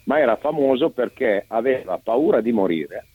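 A man chatting casually as a guest, telling anecdotes in an animated way and repeating himself. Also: mid-range voice, moderate pace, slightly rough, dry recording, phone-quality sound, faint music behind. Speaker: former footballer as guest.

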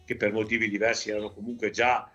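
A man in his fifties from Veneto, a football coach answering interview questions in a measured way, with frequent hesitations and restarts. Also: lowish voice, level tone, pushed and bright, lo-fi sound, soft background music. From Veneto, Italy. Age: 50s.

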